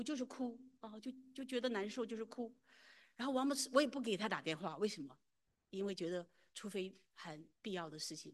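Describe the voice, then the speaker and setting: A middle-aged woman telling a personal faith testimony in an earnest, emotional way, often sinking to a near whisper. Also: fairly low pitch. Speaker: church member giving a testimony.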